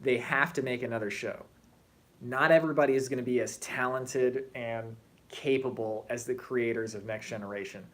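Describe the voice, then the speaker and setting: A man vlogging in a casual, animated way, chatting and drifting between tangents. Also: medium pitch, normal speed. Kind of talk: casual chat to camera.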